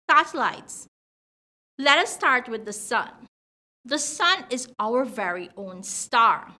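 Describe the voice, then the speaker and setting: A woman in her thirties presenting a scripted science lesson for children like a kids show host, with deliberate, emphatic enunciation. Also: on the high side, sharp tone. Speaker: science teacher presenting a grade seven video lesson.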